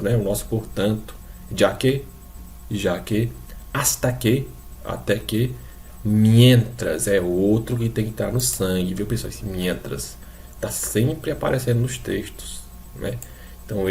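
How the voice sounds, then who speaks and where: A Brazilian Spanish teacher records an online class lecture in a lowish, warm, unhurried voice, with slight background noise. He explains patiently and repeats examples for his students.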